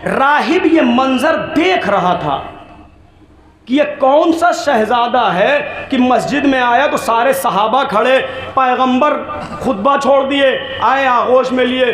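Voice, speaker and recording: A preacher from India telling a story in an impassioned, shouted sermon, repeating phrases for effect. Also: male voice, extremely high pitch, slow pace. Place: mourning gathering hall. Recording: echoey hall with a crowd.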